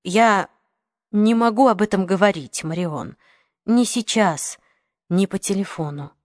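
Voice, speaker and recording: Woman voicing an older father, hesitant, pleading, lowered voice, dry close sound, audiobook. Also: a little slow, no echo, lightly acted.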